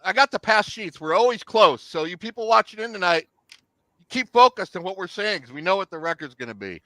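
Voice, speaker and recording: High bright-voiced guy on a sports podcast, jumpy and jokey, pitch all over the place. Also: fairly quick, no echo. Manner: animated and jokey, laughs easily. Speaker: podcast co-host. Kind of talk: casual sports talk.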